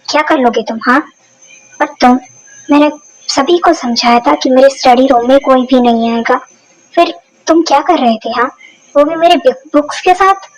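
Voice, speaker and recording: A woman's voice: sits high, moderate pace, rough recording. A woman voicing a hot-tempered young mafia boss who scolds sharply, in a Hindi dubbed fan story. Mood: angry.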